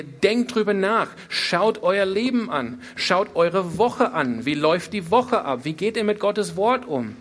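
Preaching through scripture in an expository sermon, this man leans on emphatic repetition and rhetorical questions, his delivery earnest. He speaks on the high side with a fairly bright tone.

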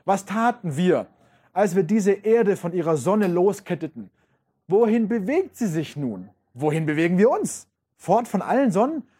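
A man's voice: sits high, big pitch swings, moderate pace, mellow, husky, heavily acted. A man voicing a frantic male madman who proclaims God's death in impassioned rhetorical questions.

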